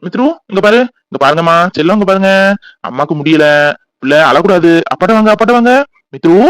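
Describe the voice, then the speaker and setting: A playful young husband from a cartoon, voiced by a man. He talks fast and a little high, teasing his wife and cooing at the baby. The recording is dry and close. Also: dry recording, poor audio. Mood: doting.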